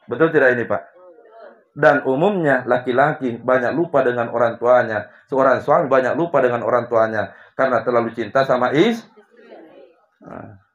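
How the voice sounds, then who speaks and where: A man, preaching a lively sermon to a congregation, telling stories and swinging from hushed to loud. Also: medium pitch, highs cut off. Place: mosque gathering with audience.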